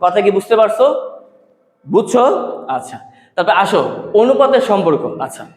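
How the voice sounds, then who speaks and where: A man teaches a math lesson in a high, light voice. He keeps repeating the terms and firing quick questions at his students. His voice rings through a reverberant room with a long echo trailing behind it. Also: expressive. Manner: uses rhymes as memory aids. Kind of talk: classroom math lecture.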